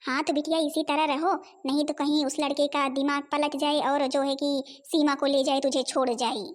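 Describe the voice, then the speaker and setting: A woman's voice: sits high, flat delivery, moderate pace, close to an everyday voice. A woman voicing a scheming middle-aged stepmother who lectures her daughter in a homemade cartoon. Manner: lecturing, conspiratorial.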